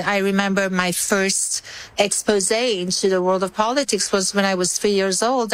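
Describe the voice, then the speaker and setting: A woman in her fifties, from Iran, speaking as a guest analyst in an interview, measured and thoughtful, pausing to find her words. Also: medium pitch, clean tone, dry recording, rough recording.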